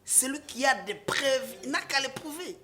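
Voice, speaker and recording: A man's voice: very high-pitched, animated, moderate pace, crowd noise. Congolese-accented male political guest; impassioned, emphatic, swings between French and Lingala. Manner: emphatic, rising to loud outbursts, with restarts. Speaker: political guest, party supporter.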